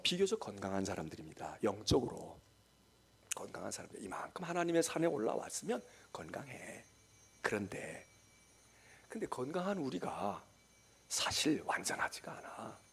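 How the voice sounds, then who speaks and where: A male senior pastor preaching a sermon in a church. He is dramatic, swinging between loud exclamations and hushed whispers. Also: medium pitch, sing-song, moderate pace, slightly rough. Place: church sanctuary.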